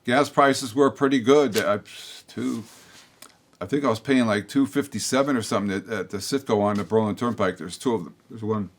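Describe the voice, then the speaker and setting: Speaking at a moderate pace in a fairly low voice, an older public-access host rambles through a blunt opinion piece to camera. Restarts and asides pile up, and his voice is a touch hoarse because of a tickle in his throat.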